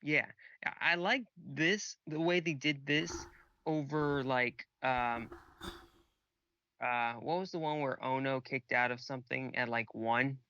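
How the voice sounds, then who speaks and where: A man's voice: medium pitch, steady tone, slow, bright, forceful tone, clear, resonant tone, no room sound, muffled recording. A man co-hosting a podcast, chatting casually and rambling with lots of fillers. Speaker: podcast co-host. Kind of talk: casual chat about wrestling.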